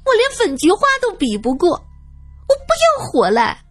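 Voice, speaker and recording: A woman voicing a shrill, melodramatic middle-aged wife, a former dancer who whines and wails shamelessly in a storytelling recording. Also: wildly swooping pitch, normal speed, no echo, soft background music. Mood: wheedling. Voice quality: shrill, theatrical wailing.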